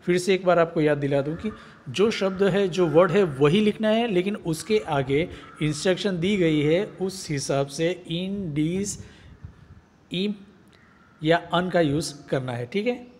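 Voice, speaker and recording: A man teaching a children's grammar lesson, reading word pairs aloud slowly and patiently, mixing Hindi with English terms. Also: high-pitched, a little mellow, a little hiss or hum.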